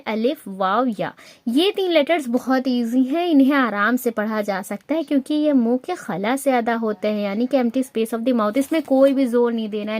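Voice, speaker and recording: A woman teaching Quran recitation rules patiently, step by step, slowing down to recite the example words. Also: fairly high pitch, darkish tone. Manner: patient, explains step by step, mixes in English words. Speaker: tajweed teacher. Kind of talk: spoken Urdu lesson with slow recited examples.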